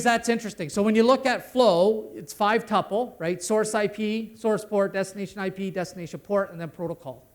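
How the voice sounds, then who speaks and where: A middle-aged man giving a conversational conference talk on network security, ending many sentences with "right?". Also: sits high. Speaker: conference speaker. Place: conference hall.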